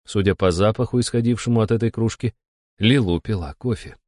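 A man reading a first-person audiobook in a measured, wry way. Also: fairly low pitch, a little mellow, no echo, studio quality. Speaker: audiobook narrator. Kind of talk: first-person scripted narration.

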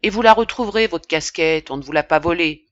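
A woman's voice: on the low side, fairly quick, dry recording, muffled recording, lightly acted. A woman voicing a stern, irritable male schoolmaster who barks orders at his class in an audiobook. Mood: gentler. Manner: barking commands, shouting.

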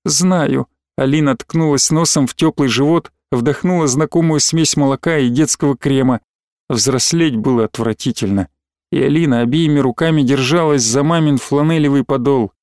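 A man reading a novel aloud as an audiobook narrator in measured, even storytelling. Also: medium pitch, smooth, no echo, clean studio sound. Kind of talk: scripted narration.

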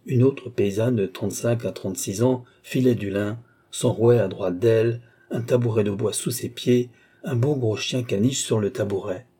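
A man narrating a classic novel for an audiobook. His voice is low and dark, a little husky, and he reads in a measured, steady way. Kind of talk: scripted narration.

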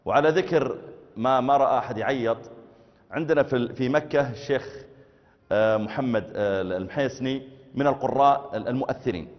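A man giving a sermon lecture, telling anecdotes and swinging between loud and soft delivery. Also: mid-range voice, a little fast, long pauses. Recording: echoey hall, dull lo-fi sound.

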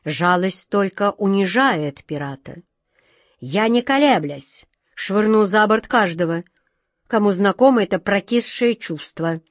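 A woman's voice: mid-range voice, expressive, unhurried, dry recording, natural voice. A ruthless pirate chief from a storybook, as a woman reader puts her on, curt and contemptuous, barking orders. The sound is dry and close to the mic. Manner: contemptuous, commanding.

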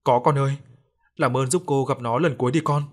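A man's voice: mid-range voice, steady tone, fairly quick, natural voice. A man voicing a grieving middle-aged mother who pleads through tears. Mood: grief-stricken. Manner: tearful, pleading.

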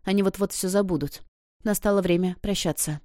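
A woman narrating an audiobook in an expressive, emotional reading. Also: mid-range voice, fairly quick, no room sound, clean studio sound. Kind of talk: scripted narration.

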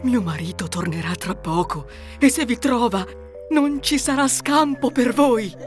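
A woman's voice: a little high, expressive, unhurried, soft background music. A woman playing the ogre's timid, kind wife. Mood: warning. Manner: soft, coaxing, pleading. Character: timid, kindly wife of the ogre. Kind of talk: storybook reading.

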